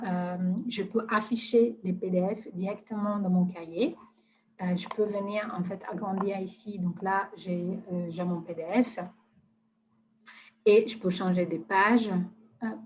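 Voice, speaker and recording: A woman presenting software in a live webinar, talking casually with many hesitations and fillers. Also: mid-range voice, muffled recording, a little hiss or hum.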